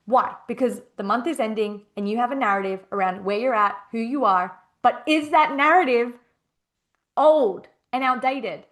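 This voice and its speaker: A young adult woman hosting a casual solo podcast as a coach, emphatic and expressive, repeating phrases and swearing freely. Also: on the high side, normal speed.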